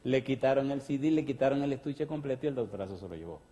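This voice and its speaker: A man preaching a sermon with emphatic calls to the congregation. He reads scripture slowly and deliberately. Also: medium pitch, lively intonation, mellow, in a large hall, slight background noise. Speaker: pastor.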